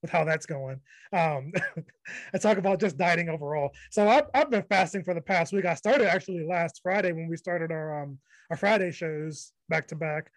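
Guy hosting a sports podcast, kinda high voice, blunt and dismissive, dry close sound. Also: normal speed, no room sound, rough recording. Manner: blunt, dismissive, wraps up segments. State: low energy from fasting. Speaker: podcast host. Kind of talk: casual sports chat.

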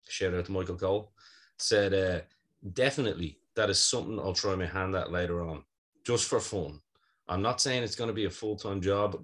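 A man with a lowish voice hosts a podcast. He chats casually and informally, with blokey banter. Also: a bit bright. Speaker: podcast host. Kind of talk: casual pro wrestling chat.

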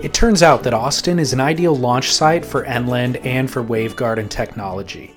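A man's voice: mid-range voice, moderate pace. Male narrator over guitar music. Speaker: host and narrator. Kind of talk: scripted narration. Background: plucked guitar music.

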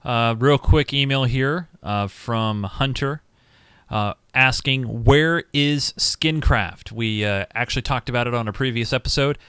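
A man's voice: medium pitch, measured pace, a bit bright, clear, resonant tone, dry recording, clean studio sound. A man co-hosting a casual podcast, reading listener emails in an upbeat way and handing the next one over to his partner. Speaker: podcast co-host.

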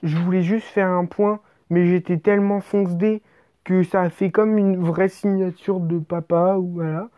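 A woman's voice: fairly low pitch, fairly even intonation, moderate pace, no room sound, phone-quality sound. A woman telling an absurd comic story in the first person, in casual slang and with lots of rambling and restarts.

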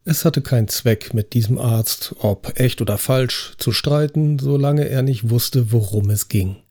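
A man narrating a story in a measured, even scripted reading. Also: mid-range voice.

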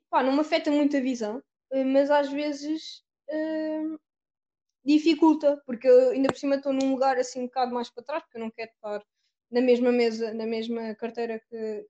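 Teenage girl, European Portuguese accent, high pitch, easygoing chat. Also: dull audio. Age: teens. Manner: relaxed, mixes in English fillers. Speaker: student. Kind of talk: casual chat.

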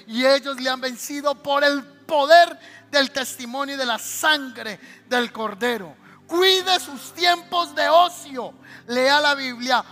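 High bright-voiced Colombian pastor preaching. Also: male voice. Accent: Colombian Spanish. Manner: preaching with sudden shouted exhortations; addresses the congregation directly, asking for amens. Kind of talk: sermon. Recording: music behind, long hall reverb.

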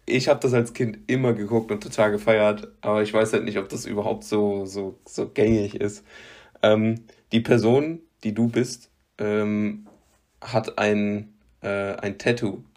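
A man's voice: fairly low pitch, little pitch movement, unhurried, a little mellow. A young man giving clues in a guessing game, hesitant and searching for words. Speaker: quiz-giving player. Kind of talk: casual chat.

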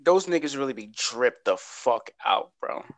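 A man's voice: medium pitch, lively intonation, unhurried. A young man co-hosting a podcast, joking around in loose slangy banter and laughing often. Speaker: podcast co-host. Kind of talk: casual chat.

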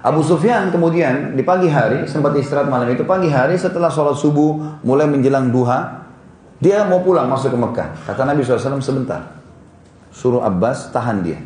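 Pointing to places on a drawing and correcting himself now and then, a male Islamic preacher delivers a relaxed, story-driven religious lecture. His fairly high voice is a little mellow and echoes with reverb.

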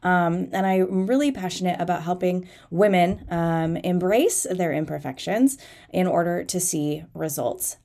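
A woman's voice: lowish voice, measured pace, vocal fry, mellow. A woman in her thirties with a nasal, head-cold voice, chatting informally and candidly as a solo podcast host. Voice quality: nasal, congested. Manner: informal, candid, self-deprecating. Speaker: podcast host and fitness coach.

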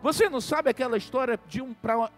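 A man's voice: extremely high pitch, fast, soft background music. A male pastor preaching a sermon who tells a dramatic story, calls out to the congregation for amens and jokes with people in the pews.

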